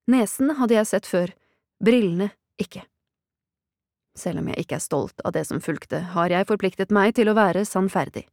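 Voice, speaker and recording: Woman narrator, wry and deadpan, mid-pitched voice, dry close sound. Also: dry recording. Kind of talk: scripted audiobook narration.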